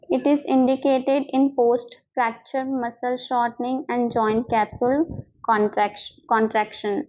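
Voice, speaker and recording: This physiotherapy teacher, who has an Indian accent, reads her notes aloud and works through them step by step, repeating points and tacking on small check-in tags. She speaks in a mellow, fairly high voice. The recording sounds dull and lo-fi.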